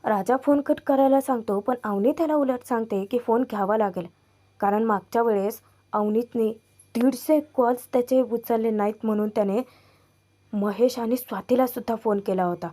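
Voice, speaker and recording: A woman's voice: fairly high pitch, normal speed. A woman with a Marathi accent retelling a TV serial episode, acting out the characters' lines as she goes. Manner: animated storytelling, voicing characters' lines in quotes. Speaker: serial review narrator.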